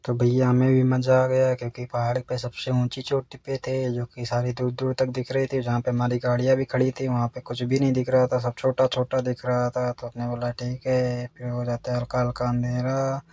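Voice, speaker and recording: A man's voice: medium pitch, moderate pace, hardly any pauses, dry recording, lo-fi sound. A man narrating his outing vlog in a casual, storytelling way, saying "bhaiya" again and again. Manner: flat storytelling, rural Hindi phrasing, repeats "bhaiya" often. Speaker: vlogger.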